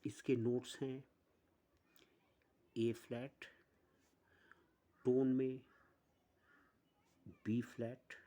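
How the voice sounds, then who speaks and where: A man teaching an online music lesson, explaining step by step with pauses. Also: medium pitch, level tone, mellow.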